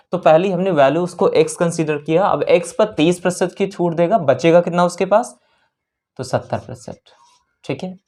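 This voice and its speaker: A maths teacher goes through exam practice problems step by step, repeating numbers and checking in with the listener by saying "theek hai," while mixing English terms into the explanation. The voice is mid-range with a darkish tone.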